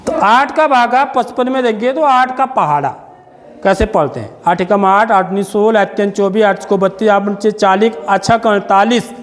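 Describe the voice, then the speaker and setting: Male teacher, high voice, quizzes the class; long classroom reverb. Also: normal speed. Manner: questioning, repeats "theek hai" often; stern with inattentive children. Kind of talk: classroom maths lesson.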